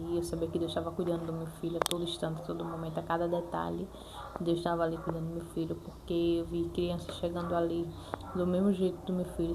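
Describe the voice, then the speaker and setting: Talking casually to her vlog audience, a Brazilian mother earnestly recounts her experience, repeats things, and often checks in. She has a low-leaning voice with background noise behind it.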